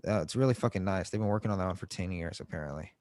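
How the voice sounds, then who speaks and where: Low-voiced guy joking around on a podcast, swears a lot, dry close sound. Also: very fast, dry recording. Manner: joking, swears often, loud mock outbursts. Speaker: podcast co-host. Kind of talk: casual comedic chat.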